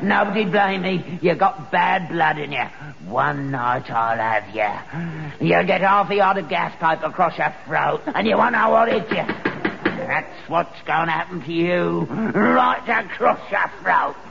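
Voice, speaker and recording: A man's voice: a little high, expressive, a little slow, vocal fry, bright, forceful tone, exaggerated voice. An actor playing a grubby, cantankerous old working-class London father in a sitcom, with a Cockney accent and a whining, querulous, bickering way of talking. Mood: threatening, vengeful. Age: older. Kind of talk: British sitcom acting. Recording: dull, noisy old broadcast recording.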